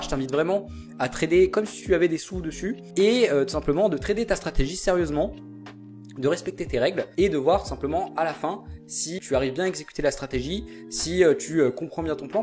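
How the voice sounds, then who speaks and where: A young man explains trading to the viewer in a loose, chatty way, full of fillers and repeated emphasis. His voice sits a bit high for a man and he talks at a brisk clip. Soft music plays underneath. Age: young adult. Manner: informal, direct, repeats "vraiment" and many fillers. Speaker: trading educator. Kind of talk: casual spoken lesson.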